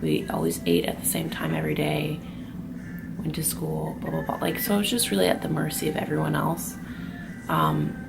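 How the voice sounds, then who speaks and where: Gravelly low-voiced young woman, half-whispering. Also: animated, normal speed, loud music behind the voice, rough recording. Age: young adult. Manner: soft-spoken, half-whispered, swears casually. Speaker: vlogger. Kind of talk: casual confessional talk. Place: group home at night, indoors.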